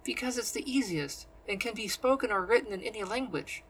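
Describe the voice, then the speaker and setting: A man voicing Teresa, a husky scornful sorceress. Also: sits high, fairly quick, a bit bright, pitched above the performer's own voice, low-quality recording. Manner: clipped, dismissive retorts. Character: sharp, scornful woman sorcery practitioner, group leader.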